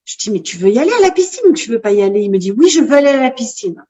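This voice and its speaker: A woman in her forties, an author, recounting a family story in an interview with lively, animated delivery, acting out the dialogue. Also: on the high side, very fast. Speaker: author guest. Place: bookshop. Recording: lo-fi livestream audio.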